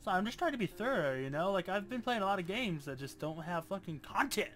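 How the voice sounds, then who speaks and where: Sarcastic young man with a bright voice. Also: high-pitched, animated, fast talker. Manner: sarcastic, swears often, jokey. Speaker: gamer. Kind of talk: casual let's-play commentary.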